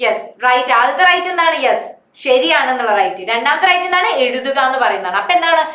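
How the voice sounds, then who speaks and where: A Malayali-accented woman teaches an online English class, putting a question to her students and then answering it herself. Her voice sits high and sounds bright. The room around her adds a noticeable echo. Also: expressive, fast talker.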